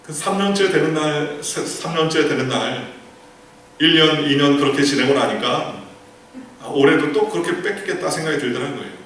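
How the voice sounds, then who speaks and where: A man's voice: fairly high pitch, lively intonation, normal speed, a bit bright. A male pastor preaching a sermon, telling a story with rhetorical questions and quoted lines. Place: large church sanctuary. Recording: echoey church hall from far off.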